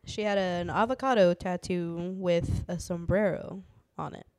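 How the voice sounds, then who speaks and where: A woman's voice: on the low side, steady tone, measured pace, a little mellow. A woman guest on a podcast, teasing the hosts in casual chat. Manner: teasing, skeptical banter.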